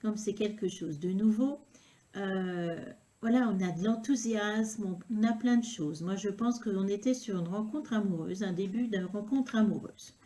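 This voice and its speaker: A woman reading tarot cards to the viewer, talking unhurriedly and filling pauses with hein and euh. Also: mid-range voice, mellow. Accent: regional accent, unnamed. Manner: unhurried, filler-heavy talk with frequent "hein" and "euh". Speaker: tarot card reader.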